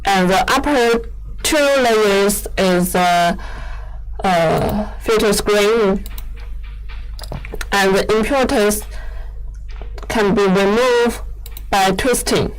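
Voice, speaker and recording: Very slow-spoken woman demonstrating machinery. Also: mid-range voice, a little hiss or hum, low-quality recording. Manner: halting, hesitant phrasing with repeated words; non-fluent, simple English. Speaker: equipment company presenter giving a machine demo. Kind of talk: live product demonstration, explanatory.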